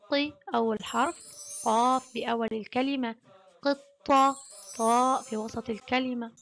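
A woman with a high-pitched voice leads a phonics lesson for young children. She draws each sound out slowly and praises her class often. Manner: slow, drawn-out syllable sounding with warm praise. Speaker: kindergarten Arabic teacher.

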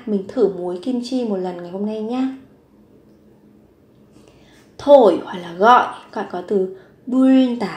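A woman teaching Korean vocabulary, slowly repeating each word and example sentence. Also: a little high, darkish tone. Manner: slow, careful repetition of each word. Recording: echoey room.

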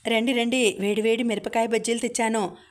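A woman's voice: a little high, steady tone, a little fast, lightly acted. A woman reading a blunt young student. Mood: scolding. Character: blunt young male student, quick to scold.

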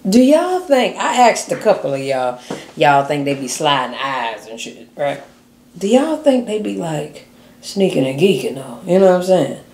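Blunt teasing lady in her 40s, lots of slang, lively up and down voice, echoey room. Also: sits low, normal speed, a little hiss or hum. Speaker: host. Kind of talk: casual reaction chat.

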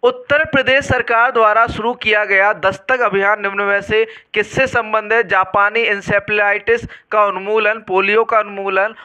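Bright, high-voiced male exam tutor. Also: clean tone. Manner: quizzing, repeats questions back to students. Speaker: exam prep teacher. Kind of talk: online exam lesson.

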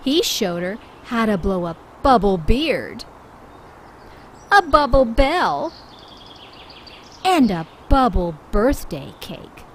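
Reading a storybook aloud for young children, a woman speaks very slowly in a lively, fairly high voice. She is expressive and deliberate, drawing out her emphasis. Music plays underneath, and there's a slight hiss or hum.

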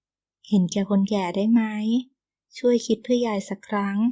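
A woman voicing a dignified elderly royal grandmother who speaks slowly and commandingly in an audio novel. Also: mid-range voice, steady tone, dark tone, natural voice. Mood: coaxing. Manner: slow, measured and commanding.

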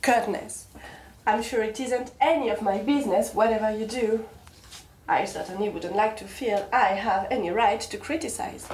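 The voice is medium-pitched, a little mellow and near everyday speech, at a moderate pace. It belongs to an actress in naturalistic film dialogue, playing a prim, wounded woman who is coldly, sarcastically polite to her boyfriend, passive-aggressive and self-pitying. The living-room setting carries roomy echo and a faint background hum.

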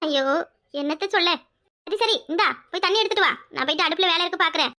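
A tender, teasing young village wife speaks in a very high, sing-song voice, as a woman acts her out. She talks fast with a bright tone and a southern Tamil accent. She is a cartoon wife who is expecting a baby. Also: full character voice. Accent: southern Tamil (Tirunelveli). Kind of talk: cartoon voice acting.

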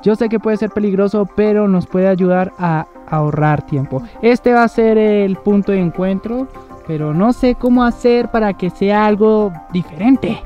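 Theatrical Colombian vlogger over music. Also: male voice, high-pitched, moderate pace. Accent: Colombian Spanish. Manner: theatrical, hushing, dramatic announcer delivery. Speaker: YouTuber host leading a skit. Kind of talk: scripted comedy vlog adventure. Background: background music.

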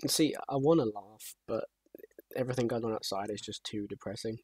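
Husky young man in dry banter. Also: on the low side, fairly quick, a little mellow, no room sound. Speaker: co-host. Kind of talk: casual chat while gaming.

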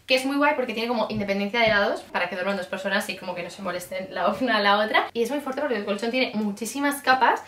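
A Spanish woman in her twenties with a Castilian accent vlogs casually and expressively to camera from a parked car and a bedroom. She talks quickly at medium pitch with hardly any pauses, her voice a bit bright, with slight background noise.

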